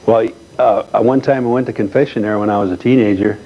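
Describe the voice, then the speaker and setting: An older man reminiscing in a relaxed chat as a guest, telling stories with many pauses and fillers. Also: on the low side, breathy edge, highs cut off. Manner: folksy storyteller, halting with many fillers. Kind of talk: casual reminiscing.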